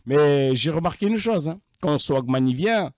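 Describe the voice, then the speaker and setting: A male livestream host chatting casually, with a voice set a bit high that swings widely. He talks in a teasing, crude way and laughs often. The sound is dry and close. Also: animated, moderate pace, a little mellow, no room sound.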